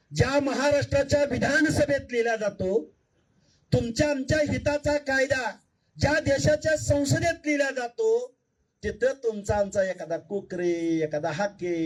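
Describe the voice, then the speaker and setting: Fiery high-voiced man addressing a rally. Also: recorded from a distance, rough recording. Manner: impassioned, pleading, fires rhetorical questions at the crowd. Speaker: political speaker at a public meeting. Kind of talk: fiery political rally speech. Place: public meeting before a crowd.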